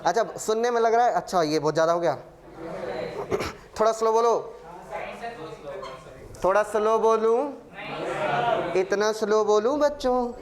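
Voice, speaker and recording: A man's voice: high voice, moderate pace, long pauses. A male maths teacher giving a classroom lecture, working sums aloud and joking and teasing with his students. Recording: crowd of students audible.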